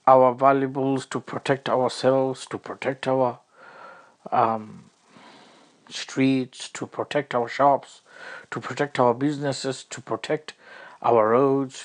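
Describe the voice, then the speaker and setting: A man delivering a comic, mock-tearful monologue, lamenting over the top and repeating himself in halting bursts. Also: mid-range voice, fairly even intonation.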